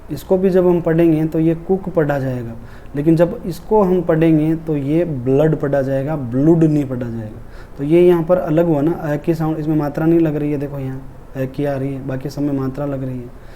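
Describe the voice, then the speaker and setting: A man teaching an exam-prep lesson with a very dark, mellow tone that sits a little high for a male voice. He walks through each answer patiently and repeats words so students catch them. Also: slight background noise. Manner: explains step by step, repeats words for emphasis. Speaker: English teacher. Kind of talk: classroom lesson explaining a test paper.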